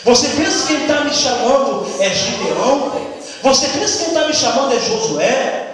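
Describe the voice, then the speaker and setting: A man's voice: extremely high pitch, lively intonation, moderate pace, crowd noise. A preacher voicing a risen dead man, insistent. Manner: insistent repeated questions. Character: risen dead man calling back to death. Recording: echoey church hall from far off.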